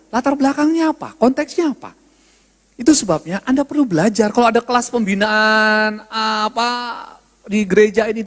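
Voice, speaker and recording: High, lively-voiced pastor preaching in a church hall. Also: male voice. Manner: animated, joking, loud voice. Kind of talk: humorous sermon. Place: church sanctuary.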